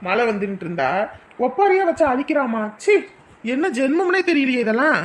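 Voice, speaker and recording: A woman voicing a gruff, dismissive young husband in an animated drama. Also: sits high, brisk, a little hiss or hum. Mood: irritated. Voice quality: grumbling, dismissive.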